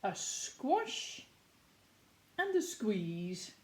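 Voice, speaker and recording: A woman reads a picture book to young children, very slowly and expressively, at medium pitch, adding chatty explanatory asides along the way.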